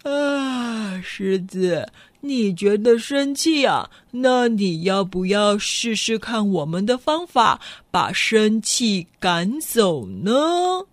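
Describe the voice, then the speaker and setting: A woman doing a slow, drawling easygoing hippo. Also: medium pitch, big pitch swings, dry recording, voice pushed down. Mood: coaxing.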